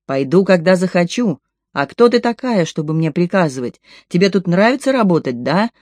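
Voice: mid-range voice, very animated, moderate pace, a little mellow, no room sound. A reader voicing a crude, mocking neighbour woman in an audiobook. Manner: rude, mocking. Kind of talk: audiobook reading.

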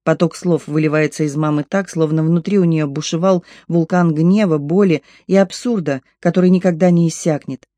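An audiobook narrator reading a first-person story in a measured, expressive way. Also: mid-range voice, no echo.

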